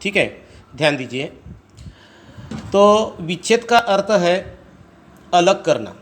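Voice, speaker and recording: A man teaching a grammar lesson to students, spelling words out sound by sound and asking them quick check questions. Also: sits high, sing-song, a little hiss or hum. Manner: explains step by step, asks students rhetorical check questions. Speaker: Hindi teacher. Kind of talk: classroom lesson.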